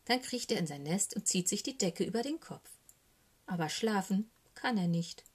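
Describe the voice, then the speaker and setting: A woman's voice: medium pitch, lively intonation, moderate pace, breathy edge. A woman reading a children's storybook aloud, expressively, sometimes dropping to a whisper for suspense. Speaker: narrator.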